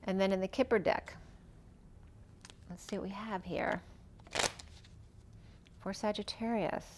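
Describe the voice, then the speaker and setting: A woman's voice: medium pitch, steady tone, a little slow, background noise. Chatty woman reading tarot cards. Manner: chatty, thinking aloud while drawing cards. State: losing her voice. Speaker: tarot card reader. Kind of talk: casual spoken tarot reading.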